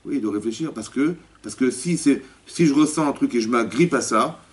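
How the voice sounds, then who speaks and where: A male rabbi giving a spoken religious lesson to a women's class, lively, often asking the listeners questions and acting out dialogue. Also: medium pitch, normal speed. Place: community hall classroom. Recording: distant mic with faint background noise.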